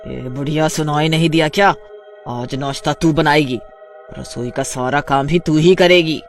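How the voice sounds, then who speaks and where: A man voicing a cruel, bossy witch daughter-in-law in a cartoon story, shouting threats and orders. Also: a little high, fairly even intonation, normal speed, faint music behind, close to an everyday voice. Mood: scolding, menacing. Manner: loud, scolding, threatening.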